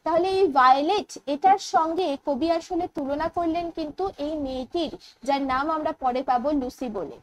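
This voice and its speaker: High-voiced Bengali woman teaching English. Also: background noise. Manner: explains in Bengali mixed with English terms, reads poem lines slowly. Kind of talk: online exam-prep lecture.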